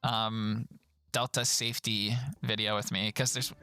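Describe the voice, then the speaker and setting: A young man chatting casually on a live stream as he reviews trip photos, laughing often and jumping into high voices when he quotes people. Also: level tone, a little slow, sharp tone, clean tone.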